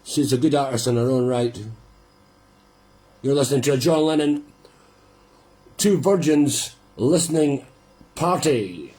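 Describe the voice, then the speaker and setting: A man hosting a live listening party, chatting casually and rambling with quiet amusement as the record plays. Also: medium pitch, expressive, unhurried, pauses often, soft background music.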